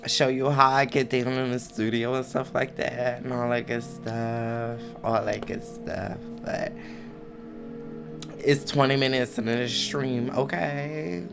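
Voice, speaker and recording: A man talks slowly and loosely on a livestream, with a gravelly, fry-laden voice. He rambles, circles back on the same phrases and slips into quiet asides. Music plays clearly behind him. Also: mid-range voice, fairly even intonation. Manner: rambling, repeats "all that good stuff", drops into soft asides. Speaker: streamer and musician. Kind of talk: casual livestream chat. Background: clear music playing.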